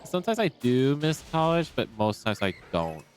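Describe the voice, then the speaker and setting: A young man in a relaxed, rambling style, commenting casually as he streams a game and talking to himself with many fillers. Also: medium pitch, normal speed, a little hiss or hum.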